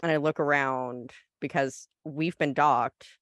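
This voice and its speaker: Smooth-voiced reflective game player. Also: medium pitch, fairly even intonation, a bit bright, dry recording, studio quality. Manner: reflective, halting, in character.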